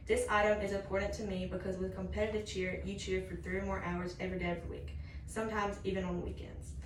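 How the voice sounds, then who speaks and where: A woman's voice: mid-range voice, little pitch movement, fast. A young adult woman delivering a prepared introductory speech as a student, moving point by point in a scripted, signposted way. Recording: roomy, distant mic with faint noise.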